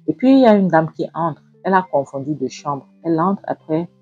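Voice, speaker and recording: A woman retelling scenes of a movie series, narrating plainly with halting fillers. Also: sits low, expressive, warm tone, breathy edge, muffled recording, faint music behind.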